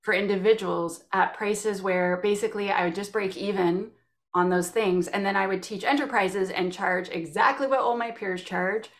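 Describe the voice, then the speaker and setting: A Canadian woman, a guest in a casual interview, telling stories with lively acted-out quotes. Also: mid-range voice, normal speed. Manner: animated storytelling, acts out quotes.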